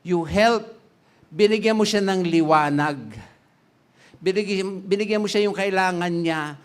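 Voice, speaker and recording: With a high, clear, resonant male voice and an unhurried pace, a middle-aged pastor from the Philippines delivers a chatty sermon. He laughs frequently, puts questions to the congregation, and drifts into English.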